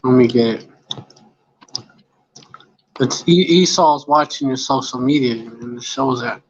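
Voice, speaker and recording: A man's voice: medium pitch, unhurried, husky. A man hosting a casual chat, drawling and swearing as he reads out news. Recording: dull lo-fi sound.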